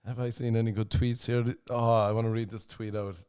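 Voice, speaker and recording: A man's voice: mid-range voice, little pitch movement, brisk, a little mellow, clean tone. A man hosting a comedy podcast in casual chat. He swears freely, laughs often and reads tweets aloud. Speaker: podcast host.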